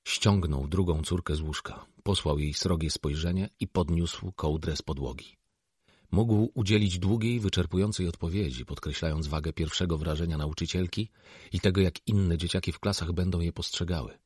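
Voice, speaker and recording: A man narrating a novel as an audiobook, in a measured, even storytelling manner. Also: low-pitched, breathy edge, dry recording, studio quality. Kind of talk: scripted narration.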